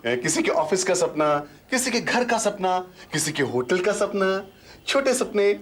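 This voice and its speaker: An actor playing an anxious, meek young husband who pleads and gets flustered in a TV sitcom. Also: male voice, sits high, lively intonation, unhurried. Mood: earnest. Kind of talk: TV sitcom acting.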